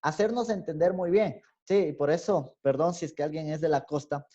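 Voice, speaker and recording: A man with an Ecuadorian highland accent lectures in an online class in a mellow, darker voice. He explains patiently and often stops on a rising "¿sí?" to check that students follow. The audio is dull and lo-fi, as from a video call. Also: moderate pace. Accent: Ecuadorian highland Spanish. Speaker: university teacher. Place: home room on a video call. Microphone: computer mic on a video call.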